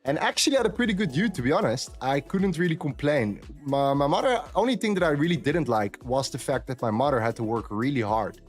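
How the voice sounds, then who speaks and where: A man's voice: mid-range voice, expressive, brisk, few pauses, faint music behind. A man from the Netherlands, chatting candidly on a trading live stream and repeating phrases for emphasis. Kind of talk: casual chat on a live stream.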